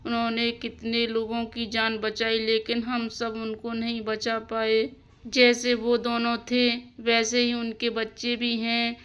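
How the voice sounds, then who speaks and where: A woman's voice: on the high side, completely flat delivery, a little slow, fairly bright tone, clear, resonant tone. A woman voicing a caring village mother in a doll story, soothing and given to worried exclamations. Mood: comforting. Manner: soothing, fussing, exclaims often.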